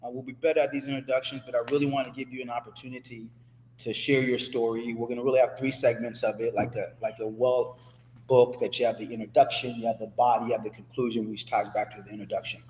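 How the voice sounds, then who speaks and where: A man's voice: medium pitch, level tone, fast, darkish tone, echoey room, in a large hall, low-quality recording. A man hosting an interview, chatty, often repeating words as he frames his questions. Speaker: host. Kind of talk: conversational interview.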